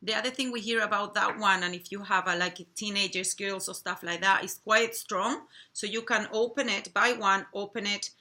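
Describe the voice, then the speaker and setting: A woman with a Chilean Spanish accent talks casually and haltingly, stumbling now and then over words. Her voice is bright and clear. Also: medium pitch, fairly even intonation. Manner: warm, halting, with small slips and restarts. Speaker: co-host. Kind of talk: casual product chat.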